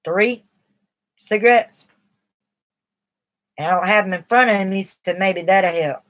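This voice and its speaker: A middle-aged woman with a medium-pitched voice speaks at a measured pace on a casual live stream. She talks long and earnestly, rambling and confiding, while shaky from nicotine withdrawal.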